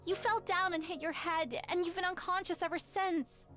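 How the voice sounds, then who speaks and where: Caring girl friend, video game, very high pitch, unhurried, earnest, faint music behind. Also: fairly even intonation, a bit bright. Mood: relieved, tender. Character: tender, devoted girl, caring childhood friend.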